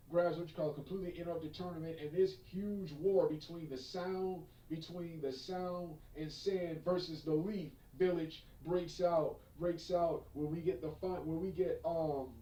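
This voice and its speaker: Male reviewer, slightly high but mellow voice, halting delivery full of fillers, recorded far from the mic. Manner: halting, many fillers and restarts, repeats phrases. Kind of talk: unscripted spoken review. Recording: echoey room, voice far from mic.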